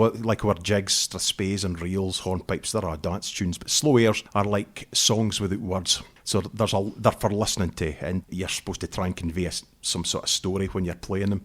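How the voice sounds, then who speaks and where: A man with a northeast Scottish accent, talking at length as a guest in a relaxed interview and dropping in Scots words. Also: low-pitched, slightly rough. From northeast Scotland. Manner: relaxed, talkative, uses Scots words like wee and aye. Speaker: guest musician. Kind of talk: casual interview chat.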